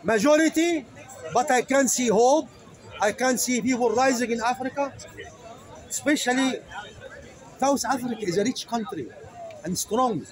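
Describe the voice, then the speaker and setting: A man with a strikingly high voice delivers a fiery open-air debate speech, pressing his points hard and stumbling through words in halting non-native English. He keeps calling his listeners "brother." A crowd murmurs clearly around him outdoors. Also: lively intonation, rough recording. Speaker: street speaker debating a crowd. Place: outdoor public speaking area in a city.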